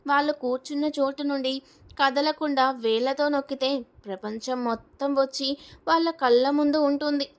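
A woman voicing a nosy middle-aged neighbor in a storybook reading, confiding in a low, careful way. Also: fairly even intonation, normal speed, natural voice.

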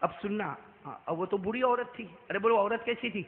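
A man giving a storytelling sermon, impassioned, swinging to loud shouts and prompting the crowd. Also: sits high, a little hiss or hum. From Valsad, Gujarat, India. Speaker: preacher. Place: community hall. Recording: tinny phone-like sound, echoey hall.

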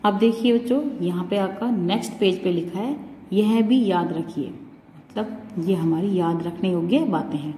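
A woman's voice: fairly low pitch, moderate pace, warm tone. A woman teacher patiently explaining a Hindi grammar lesson to children step by step, checking in often. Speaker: school teacher. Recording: roomy echo with long reverb, faint background hum.

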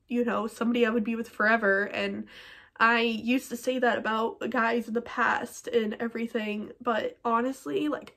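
A woman's voice: a little high, creaky, fairly bright tone. A young woman talking to camera in a personal vlog, emotional and rambling with lots of fillers, a little teary. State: teary-eyed. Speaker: vlogger.

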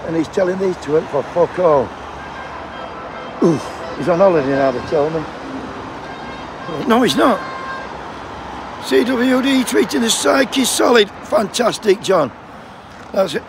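High and expressive, his voice moves at a measured pace with frequent pauses. He's a striking postal union picketer from Sheffield, England, joking with passers-by in a Yorkshire accent while the cold bites and the swear words flow. Traffic from the busy road beside the picket line fills this casual outdoor vlog recording.

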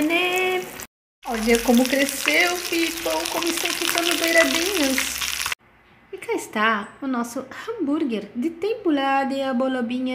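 A woman's voice: high-pitched, fairly bright tone, slight background noise. A woman in a casual cooking vlog, chatty and playful. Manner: chatty and playful, sings silly made-up French lyrics. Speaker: vlogger.

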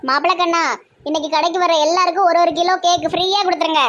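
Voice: extremely high pitch, fairly even intonation, fast talker, a bit bright. A performer with a Tirunelveli accent in a comedy sketch, talking in a doting, gushing way that fusses over everyone. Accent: Tirunelveli Tamil. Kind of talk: scripted comedy sketch acting.

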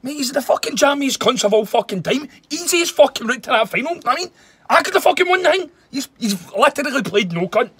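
A man's voice: very high-pitched, lively intonation, brisk, fairly bright tone, husky, no room sound, exaggerated voice. A man with a Glaswegian Scottish accent playing a brash, defensive football fan who answers taunts with sweary indignation in a comedy sketch. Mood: indignant.

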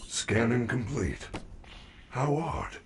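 An actor voicing a gentle, caring animatronic bear robot that speaks politely and carefully in a video game. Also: male voice, mid-range voice, expressive, slow. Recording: game audio with clear background noise.

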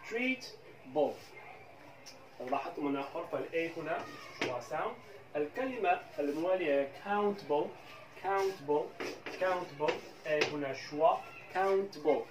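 Man teaching English pronunciation in an echoey room. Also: on the high side. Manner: repeats words slowly, stressing syllables. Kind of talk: pronunciation lesson. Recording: echoey room, mic far off, noisy.

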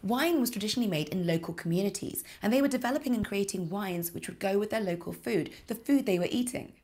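A woman, giving scripted wine tips to camera from a living room in a lively, emphatic way. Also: medium pitch, quick pace. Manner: lively, expressive, emphatic gestures. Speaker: wine presenter. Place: home living room, indoors.

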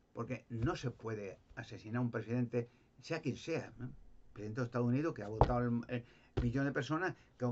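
A man's voice: mid-range voice, darkish tone. A man telling a story with emphasis, often repeating words and restarting sentences. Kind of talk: animated storytelling. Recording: dull lo-fi sound.

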